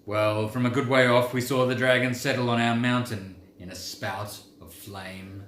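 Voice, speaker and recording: A man voicing Thorin, a proud old dwarf king, in a deep voice with a slow storytelling cadence. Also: fairly even intonation, fairly bright tone, lightly acted. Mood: solemn. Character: proud old dwarf king recounting his people's loss. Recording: roomy with faint background noise.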